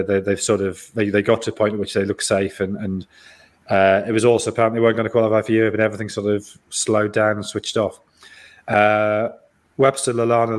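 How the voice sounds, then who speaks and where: Casting note: male pundit, slightly low, loose rambling delivery. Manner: rambling, laughing, filler-heavy. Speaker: football pundit. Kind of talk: casual football chat.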